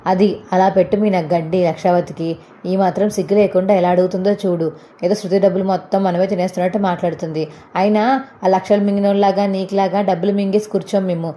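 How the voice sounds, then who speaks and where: A woman's voice: mid-range voice, fairly even intonation, fast, warm tone, close to an everyday voice. A woman voicing a hot-tempered young husband who taunts his mother in sarcastic jabs.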